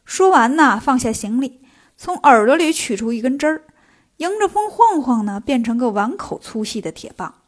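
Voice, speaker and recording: A woman telling a comic story in a lively way, with playful asides. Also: high-pitched, normal speed. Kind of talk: comic children's story narration.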